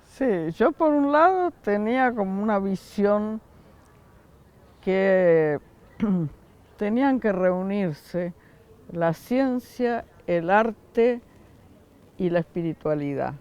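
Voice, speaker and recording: An older man from Argentina with an Argentine accent, unhurried in the interview and often laughing softly. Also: high-pitched, lively intonation, clear, resonant tone, highs cut off. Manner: unhurried, with frequent soft laughs. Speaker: interviewee, founder of a school. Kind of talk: reflective interview answers.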